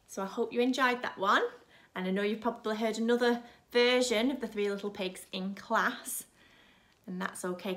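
A woman in her thirties who teaches primary school reads expressively to young children. Her voice sits at a medium pitch with a fairly bright tone, and she's indoors in a small furnished room at home.

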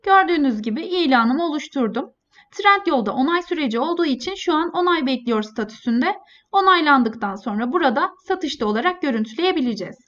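A woman presenting a scripted step-by-step software tutorial in a polite, formal customer service manner. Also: sits high, lively intonation, a little fast. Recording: dull, lo-fi voice-over.

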